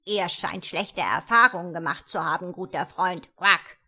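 A woman voicing a fat, jolly green male frog who croaks "quack" between his words. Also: lowish voice, unhurried, pushed and bright, full character voice. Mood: jolly, boastful.

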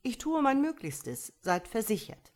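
A woman's voice: fairly high pitch, very animated, unhurried, a little mellow, voice pushed up. A woman reading aloud and voicing a cruel male dwarf clown who speaks sternly and mockingly in a theatrical way.

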